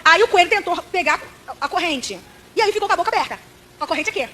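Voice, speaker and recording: Fast, very high-voiced Brazilian woman preacher. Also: lively intonation, bright, forceful tone, a little hiss or hum. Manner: dramatic storytelling, addresses the congregation directly. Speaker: preacher giving a testimony. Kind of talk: animated church testimony.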